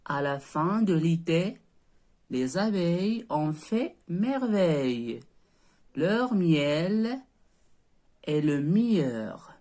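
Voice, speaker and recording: A woman teacher talks very slowly, with a lowish voice. She leads a children's reading lesson patiently, spelling out letters and praising often, and her pitch rises and falls a lot. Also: sing-song, dark tone. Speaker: primary school teacher.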